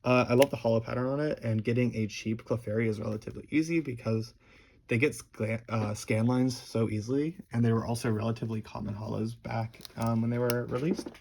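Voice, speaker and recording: A young man with a lisp and a husky, creaky voice, rambling and halting through a casual, sweary show-and-tell. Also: mid-range voice, steady tone, darkish tone. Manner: rambling, halting, enthusiastic wording. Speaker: card collector presenting a collection.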